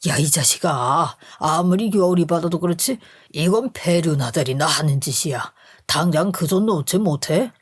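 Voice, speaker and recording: A performer voicing a flustered older father-in-law who shouts at his son and wife to calm down in a radio story drama. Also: mid-range voice, moderate pace, breathy edge, dry recording, clean studio sound. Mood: exasperated. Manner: blustering, exasperated.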